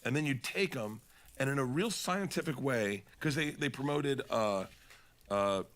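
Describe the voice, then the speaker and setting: A comedian telling stories in casual podcast chat, rambling and animated, laughing and swearing as he goes. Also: mid-range voice, unhurried. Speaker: comedian guest.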